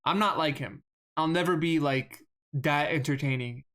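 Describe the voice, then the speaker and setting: In a flat, monotone voice, this streamer rambles over live gameplay, often repeating words and putting himself down. His pitch is medium and his speed is normal.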